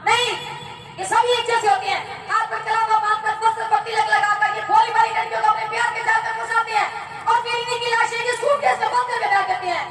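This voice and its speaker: A woman's voice: extremely high pitch, little pitch movement, fast, noisy background. A woman playing a strict, worried mother. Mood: forbidding. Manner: pleading, then forbidding. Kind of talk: amateur stage skit. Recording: very echoey hall, distant mic, crowd.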